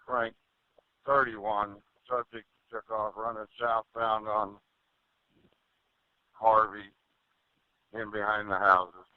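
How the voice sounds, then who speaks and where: A man's voice: lowish voice, level tone, slow, long pauses, clean tone, dry recording. A male police officer reporting from the field over a police radio transmission, in terse, urgent bursts. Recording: muffled dry police radio.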